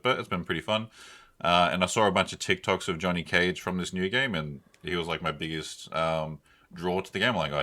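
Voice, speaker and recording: His voice sits low, pushed and bright, as this young man co-hosts a podcast and rambles slangily through casual, unscripted reviews of films and games.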